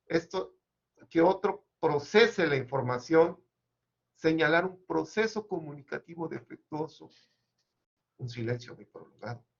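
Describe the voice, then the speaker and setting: A man giving an academic seminar presentation, measured and explanatory with occasional hesitations, on a dull lo-fi recording. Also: fairly high pitch, a bit bright, husky.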